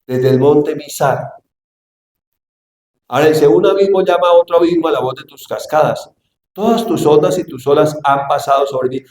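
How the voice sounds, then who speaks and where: A man's voice: a little high, darkish tone. A man preaching a sermon to a congregation, reading scripture and often asking them questions. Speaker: pastor. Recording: echoey hall with faint ambience.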